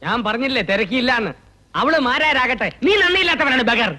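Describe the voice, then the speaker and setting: A man's voice: on the high side, expressive, normal speed, lightly acted. An actor playing a bumbling man who poses as a pompous police officer, blustering and dropping English phrases into his speech. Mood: grumbling. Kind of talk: film acting. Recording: dull lo-fi film audio.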